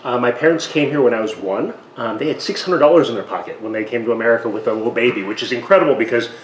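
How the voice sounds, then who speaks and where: A man's voice: medium pitch, rapid-fire. A middle-aged man from Taiwan, a guest in an interview, talking in a self-deprecating way with many restarts. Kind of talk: casual interview. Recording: echoey room with faint noise.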